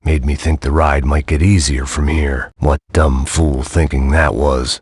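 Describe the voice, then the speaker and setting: A male actor with a deep bass voice, gravelly and husky, voices a jaded, self-loathing middle-aged antihero. His video game noir narration is weary, sardonic and deadpan, recorded with no echo.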